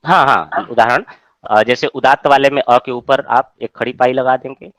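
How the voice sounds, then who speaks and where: A man's voice: medium pitch, fairly even intonation, normal speed, a bit bright, dry recording. A man teaching a Sanskrit class online, explaining patiently and often checking with his students.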